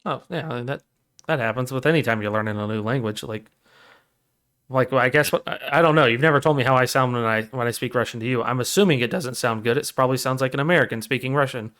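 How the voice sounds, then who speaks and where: A man's voice: medium pitch, fast, a bit bright. A man co-hosting a podcast in casual chat, easygoing and rambling. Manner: easygoing, rambling with fillers and restarts. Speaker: podcast co-host.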